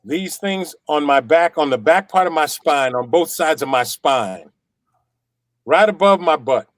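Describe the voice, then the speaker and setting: An animated middle-aged man tells his story in a fairly high voice. He circles back on phrases for emphasis and acts out the voices of the people in it. The sound is close and dry, with no room in it. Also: measured pace, dry recording. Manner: acts out quoted dialogue. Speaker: testimonial guest. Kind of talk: personal storytelling.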